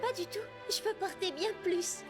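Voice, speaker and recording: Very high-voiced, sweet girl. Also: normal speed, loud music behind the voice. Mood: caring, cheerful. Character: sweet, caring, eager teenage girl. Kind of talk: anime dub acting.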